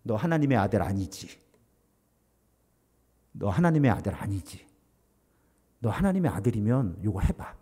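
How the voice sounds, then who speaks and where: A man's voice: on the low side, sing-song, normal speed, long pauses, dark tone, slightly rough, voice pushed down. A man voicing a scornful male Satan, taunting in a mocking, sneering way.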